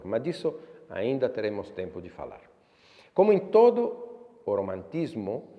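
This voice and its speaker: A man giving a music history lecture as a violinist, reading a scripted narration in a measured, expressive way. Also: lowish voice. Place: room at home for an online class. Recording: long reverb, dull lo-fi sound.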